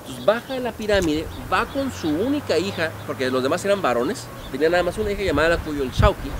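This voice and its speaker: Guide, middle-aged man, slightly high voice, animated storyteller, outdoor noise. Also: fast. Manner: animated, gesturing, asks the audience questions. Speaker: museum guide. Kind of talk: storytelling tour explanation. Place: outdoor park museum among statues.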